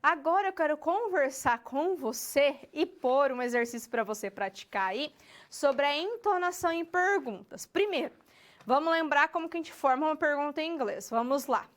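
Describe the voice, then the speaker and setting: A woman teaching an English lesson, addressing the student directly and slowing down to model English questions. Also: sits high, lively intonation. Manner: slow, stretched model phrases when demonstrating English questions; talks directly to the student, checks in with tags. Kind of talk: recorded online lesson.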